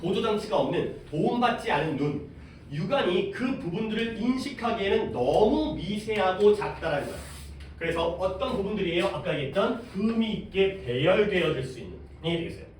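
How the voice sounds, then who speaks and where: A male teacher explains a reading passage to his class, stopping often to ask questions and answer them himself. His voice sits high and moves a lot in pitch. The sound is very echoey, picked up from across the room with faint noise behind. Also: expressive, brisk, recorded from a distance. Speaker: high school English teacher.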